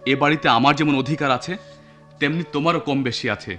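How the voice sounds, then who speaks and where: Actor playing a righteous young man, bright forceful voice, stern, faint music under. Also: fairly high pitch, fast, lightly acted. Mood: earnest. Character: righteous angry young man defending his cousin. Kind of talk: television drama acting.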